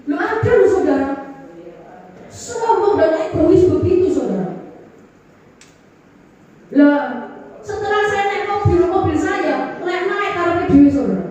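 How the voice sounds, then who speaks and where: Woman pastor, high voice, lively sing-song sermon delivery; picked up from far off in a reverberant hall. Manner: preaching with call-and-response, singsong rises and sudden drops. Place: large church hall.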